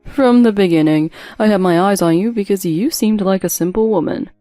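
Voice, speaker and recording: A woman voicing a charming but manipulative young man in a narrated story, speaking in a calm, smooth-talking way. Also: medium pitch, fairly quick, no echo, soft background music, close to an everyday voice. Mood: mocking. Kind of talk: story narration with voiced quotes.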